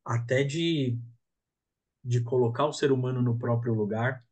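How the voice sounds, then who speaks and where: A man's voice: mid-range voice, steady tone, measured pace, darkish tone, husky. A man, a guest in a casual podcast conversation, talking in a reflective way and often ending thoughts with a questioning tag. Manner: reflective, tags thoughts with 'né?'.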